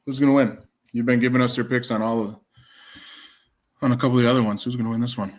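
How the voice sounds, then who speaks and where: A man's voice: mid-range voice, fairly even intonation, quick pace. A man with a Wisconsin accent hosting a casual podcast chat, rambling through thoughts with frequent restarts. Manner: rambling, many restarts and fillers. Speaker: podcast host.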